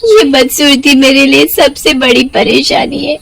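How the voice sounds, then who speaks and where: A woman's voice: high voice, fairly even intonation, fast, creaky, no echo, pitched above the performer's own voice. A woman voicing a sad young woman who cries as she talks in a cartoon story. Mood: tearful. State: crying.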